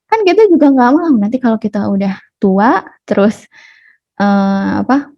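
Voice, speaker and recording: Female parenting speaker, fairly high voice, chatty and playful, lo-fi video-call sound. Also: big pitch swings, moderate pace. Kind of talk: casual online webinar talk. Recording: dull lo-fi webinar audio.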